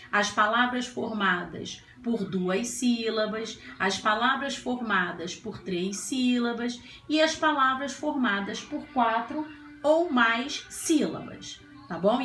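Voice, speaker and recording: Patient woman teacher, sing-song and high. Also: a bit bright. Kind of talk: children's classroom lesson. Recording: echoey room, faint ambience.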